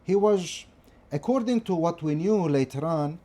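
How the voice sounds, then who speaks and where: Speaking with a Lebanese accent, the middle-aged professor looks back on his family history and academic path. The pitch is fairly high and the tone dark, with lively intonation, though he proceeds in a measured, hesitant manner marked by many fillers and false starts.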